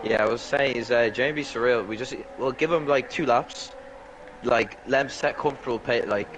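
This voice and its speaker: A man giving casual race analysis as a motorsport commentator, in a tentative, halting way full of fillers. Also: mid-range voice. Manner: tentative, halting delivery with many 'like' fillers. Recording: clearly noisy, engine sound behind the voice. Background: racing car engines from the game.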